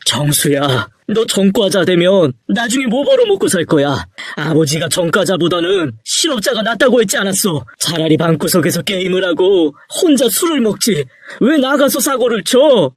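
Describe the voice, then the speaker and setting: A man's voice: fairly high pitch, lively intonation, moderate pace, slightly rough, dry recording, clean studio sound. A man voicing a stern, worried middle-aged father who scolds his son. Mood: scolding. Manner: nagging, scolding.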